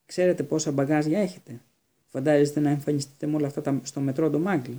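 A man voicing a stern, bustling mother of many children in an audiobook, scolding and strict, with a husky, mellow voice. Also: fairly high pitch, fairly even intonation, close to an everyday voice.

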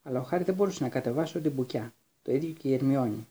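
A man narrates a storybook in a steady, measured way. His voice is dark and mellow, with a husky grain. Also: medium pitch. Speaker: audiobook reader.

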